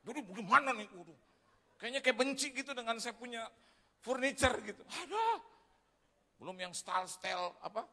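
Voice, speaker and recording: A man's voice: very high voice, moderate pace. A male pastor giving a humorous sermon, telling a story to the congregation and acting out the other people in it. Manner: lively storytelling that acts out other people's voices; humorous and chatty, addressing the congregation as "saudara". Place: church hall. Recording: long reverb of a large hall.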